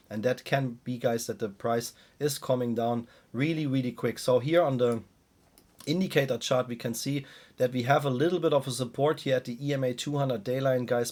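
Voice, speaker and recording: A man's voice: mid-range voice, darkish tone. Man, voice weakened by a cold. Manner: halting, addresses listeners often. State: weak voice from a cold. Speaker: stock trading YouTuber. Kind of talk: casual market analysis commentary.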